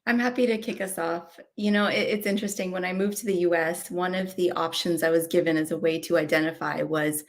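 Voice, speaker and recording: A woman's voice: lowish voice, steady tone, fairly quick, hardly any pauses. Reflective woman from Canada on a panel. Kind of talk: panel discussion.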